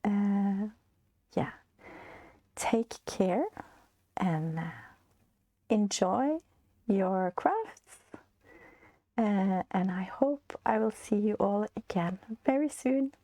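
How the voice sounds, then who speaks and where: A Norwegian woman in her forties with a stuffy, congested voice, chatting casually as a knitting vlog host, hesitant with many fillers and soft laughs. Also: mid-range voice, expressive, very slow, long pauses, dry recording. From Norway. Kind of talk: casual chat.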